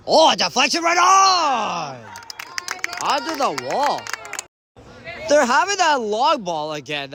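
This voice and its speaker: Guy calling a youth soccer game from the sideline, high voice, slow and drawn out, groans and yells a lot. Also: slight background noise. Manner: excitable, groaning and shouting at plays. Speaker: amateur commentator.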